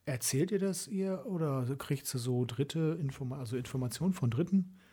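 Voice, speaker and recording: Mellow, husky-voiced man telling a story. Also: medium pitch, normal speed. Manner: storytelling, quotes his client in lively asides. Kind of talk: casual conversation.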